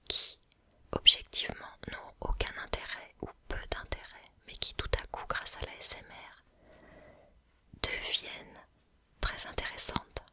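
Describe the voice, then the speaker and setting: Soft whispering comes from a man in an unhurried ASMR clip; he thinks out loud in a reflective, musing way, breaking off and beginning his thoughts again.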